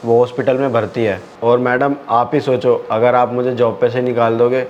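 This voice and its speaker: A man's voice: mid-range voice, flat delivery, normal speed, darkish tone, slight background noise, close to an everyday voice. Guy doing a humble driver begging, polite, kinda muffled sound. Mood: pleading. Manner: polite, pleading. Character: humble, pleading young male driver. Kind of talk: amateur web drama acting.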